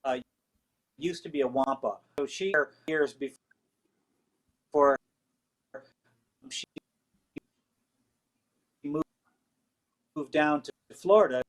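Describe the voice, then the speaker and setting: A man on a video call talking casually about match picks, halting with fillers, his audio breaking up and chopping off his words. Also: a little high, rough recording. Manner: halting, many fillers and restarts. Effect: choppy audio dropping in and out, words cut off. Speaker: fighter and panelist.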